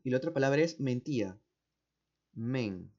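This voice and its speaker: Man teaching slowly with a Peruvian accent. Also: on the high side, animated, a little mellow. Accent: Peruvian Spanish. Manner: slow, repeats words, asks "¿no?" and "¿cierto?" often. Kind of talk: explaining exam answers step by step. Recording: dull, muffled audio.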